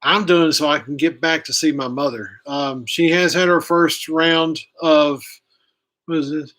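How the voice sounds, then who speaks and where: This is a man hosting a casual live stream outdoors, with a fairly high voice and a bright, forceful tone. He rambles in a friendly way, trails off, and backs up to correct himself as he goes. He speaks to a camera that he sets up himself. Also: fairly even intonation, unhurried. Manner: rambling, self-correcting, chatty. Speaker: host of a live outdoors channel. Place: outdoors, chilly. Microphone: camera he angles himself.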